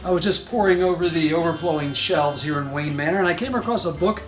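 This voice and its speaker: A woman playing Batman as a gruff, overconfident superhero reading a storybook to children. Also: fast talker, soft background music, close to an everyday voice, low-quality recording. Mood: gruff boasting. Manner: gruff, low, mock-heroic. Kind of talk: storybook read-aloud for children.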